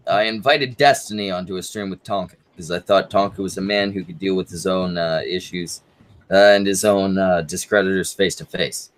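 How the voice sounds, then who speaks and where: Male stream host, on the low side, halting delivery, heavy swearing, casual group-call chat. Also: fairly even intonation. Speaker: livestream host.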